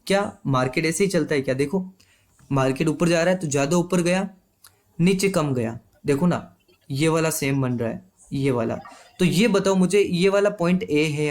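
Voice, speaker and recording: हिंदी में समझाता ऊँची आवाज़ वाला आदमी. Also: male voice, a little high, moderate pace. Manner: explains step by step, keeps asking "ठीक है?". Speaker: trading teacher. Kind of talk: live online class.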